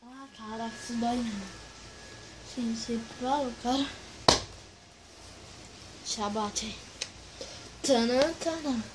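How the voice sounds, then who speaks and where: High-voiced woman vlogger, slow and excitable, yelping and exclaiming, loud music under her. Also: noisy background. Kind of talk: casual play commentary. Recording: loud music playing over the voice.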